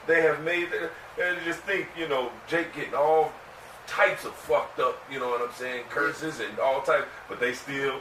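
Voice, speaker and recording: A man taking part in a bible study, reading a verse haltingly and adding casual remarks and short agreements. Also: on the high side, steady tone, bright, forceful tone. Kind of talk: casual group discussion. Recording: roomy room, distant mic, faint noise.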